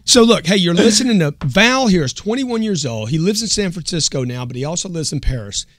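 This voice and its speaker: Male host, higher-pitched, hard-selling hype delivery, dry close-miked sound. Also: expressive, a little fast, no echo. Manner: loud, pushy, hyped salesman delivery. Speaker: show host. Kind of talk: energetic motivational talk show.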